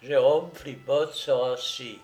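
A man narrating a story in a measured, deliberate reading style. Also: mid-range voice, fairly even intonation, darkish tone, reverberant, faint music behind. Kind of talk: audiobook reading.

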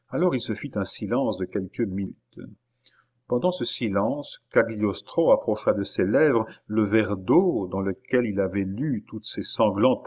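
A man reading a classic novel aloud in measured, even narration. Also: fairly low pitch. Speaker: audiobook narrator.

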